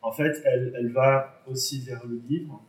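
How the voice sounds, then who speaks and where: A man's voice: medium pitch, fairly even intonation, moderate pace, very noisy. A non-native man with a foreign accent in French gives an informal presentation, hesitating, searching for words and correcting himself. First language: not a native French speaker. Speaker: artist presenting an exhibition. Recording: roomy echo, distant microphone.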